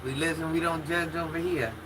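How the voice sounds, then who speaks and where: A woman's voice: sits low, fairly even intonation, fairly quick, background noise. Chatty woman in her fifties, humming room. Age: 50s. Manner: chatty and candid, talks straight to chat with frequent laughs and restarts. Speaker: livestream host reading viewer comments. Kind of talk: casual chat.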